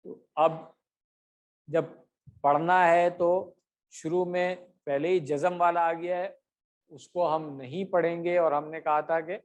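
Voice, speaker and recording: A man with a slightly raised pitch teaches an online class through a computer microphone. He speaks patiently and pauses often on fillers. He draws out each drill word slowly for his students to repeat. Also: fairly even intonation. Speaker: Arabic grammar teacher. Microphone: computer mic on a video call with camera off.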